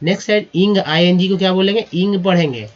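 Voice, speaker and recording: A man's voice: sits high, fairly quick. A man teaches English words, spelling them out one letter at a time and repeating each pronunciation. The recording sounds dull and lo-fi. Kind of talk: spelling-out vocabulary lesson.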